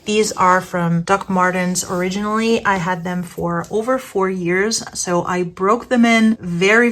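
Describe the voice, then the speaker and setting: A woman's voice: on the low side, a bit bright. A woman narrating a casual packing vlog in a chatty, enthusiastic way, with playful self-aware humor. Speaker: vlogger.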